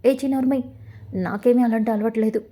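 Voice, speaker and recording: A woman's voice: a little high, fairly even intonation, quick pace, dark tone, natural voice. A woman voicing a worried young woman who gives curt orders to a hired man. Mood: stern.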